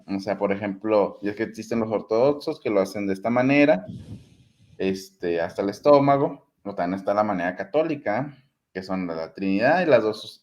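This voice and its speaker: Explanatory man. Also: fairly low pitch. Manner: explanatory, repeats himself to make a point. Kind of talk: casual conversation on theology.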